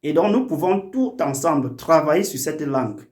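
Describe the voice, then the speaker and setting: Speaking with a slightly high, expressive voice and a darkish tone, this man addresses his community in a formal, earnest, oratorical appeal, pausing in many hesitations along the way. He is a language activist who hosts a YouTube channel, and he talks at a moderate pace in a roomy-sounding space.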